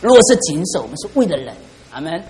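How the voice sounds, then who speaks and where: On the high side and sing-song, a middle-aged pastor's voice moves at a quick pace as he fervently preaches and calls for responses from his congregation. A crowd can be heard in the background of this reverberant church hall recording.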